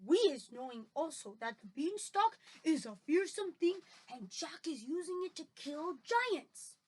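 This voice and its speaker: Woman as a friendly male giant, storybook character, high-voiced, hushed, careful explaining, muddled grammar. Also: sing-song, a little slow. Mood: grave explaining. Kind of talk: children's storybook read-aloud.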